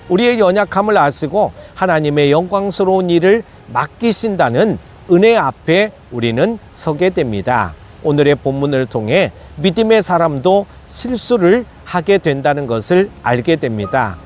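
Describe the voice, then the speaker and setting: A male pastor giving an earnest daily devotional sermon and closing prayer, gently urging his listeners on. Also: a little high.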